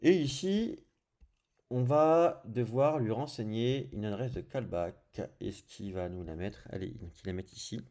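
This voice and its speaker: A man's voice: mid-range voice, lively intonation, a little slow, mellow. A man with a French accent giving a casual screencast coding tutorial, thinking aloud as he clicks through settings and saying little fillers like "hop" as he goes. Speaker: programming tutorial host.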